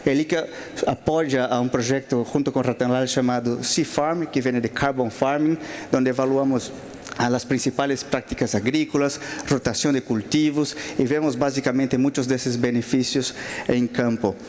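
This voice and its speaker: In Spanish coloured by his Brazilian Portuguese accent, a man from Brazil wraps up a conference panel, stumbling through many fillers and restarts. The setting is a large auditorium, and his darkish, medium-pitched voice holds a steady tone at a moderate pace.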